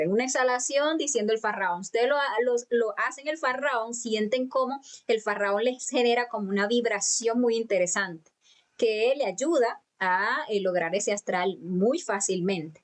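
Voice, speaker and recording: A woman teaching a live online lecture, speaking calmly and patiently to students and stretching out chanted syllables. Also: a little high. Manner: calm, patient instruction with drawn-out chanted syllables; speaks directly to students, many fillers and restarts. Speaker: spiritual teacher. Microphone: computer mic for video conference.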